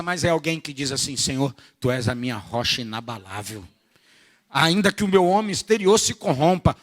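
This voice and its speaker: A man from Brazil with a Rio de Janeiro accent preaching a sermon at a church retreat, animated and jokey, moving from soft asides to shouted bursts. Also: mid-range voice. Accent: Rio de Janeiro Portuguese. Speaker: pastor.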